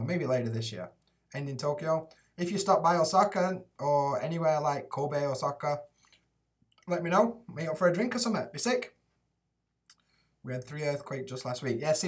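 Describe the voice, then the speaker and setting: On a live stream, a young Yorkshireman from the Rotherham area, who now makes YouTube videos in Japan, replies to viewer chat casually, swearing and saying "like" and "mate" often. His mid-range voice is picked up from a distance in a small indoor room with shelves in the background.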